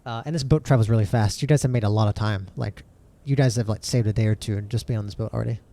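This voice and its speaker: A man's voice: fairly low pitch, fast, gravelly, warm tone. A man narrating as dungeon master, rambling with fillers and restarts. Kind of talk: narrating a tabletop game.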